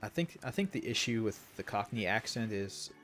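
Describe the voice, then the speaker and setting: A man's voice: lowish voice, animated, brisk, a bit bright, soft background music. Rambling opinionated male gaming streamer. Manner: rambling, opinionated, wandering asides. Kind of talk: casual gameplay commentary.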